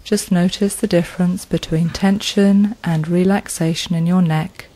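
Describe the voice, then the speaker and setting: A woman leading a guided progressive muscle relaxation, speaking in a slow, soothing manner with long pauses. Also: lowish voice, steady tone, warm tone, poor audio.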